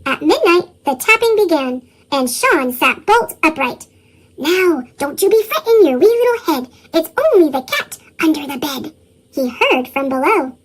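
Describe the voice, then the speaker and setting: A storybook narrator whose voice is run through a sped-up chipmunk effect, reading a tale aloud with lively chuckles in the dialogue. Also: normal speed. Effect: sped-up, pitched-up chipmunk voice.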